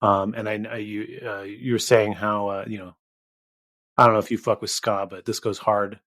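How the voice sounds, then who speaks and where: A man's voice: fairly low pitch, level tone, normal speed, a bit bright. A man hosting a podcast, asking casual interview questions in a hesitant, roundabout way.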